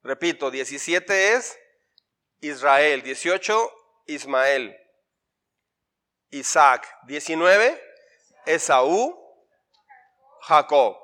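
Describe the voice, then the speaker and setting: Bright-voiced pastor drilling his congregation. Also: on the high side, lively intonation, very slow, long pauses. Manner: playful, drills the audience with repeated lists and questions. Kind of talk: interactive Bible workshop with the congregation. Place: church before a congregation.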